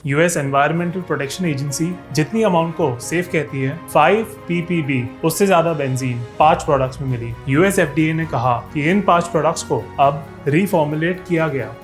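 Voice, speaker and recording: A man with a fairly high voice narrates a scripted explainer for his viewers. He throws in rhetorical questions and dry, sarcastic asides. Soft music plays quietly underneath. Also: fairly quick, hardly any pauses. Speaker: fitness YouTuber.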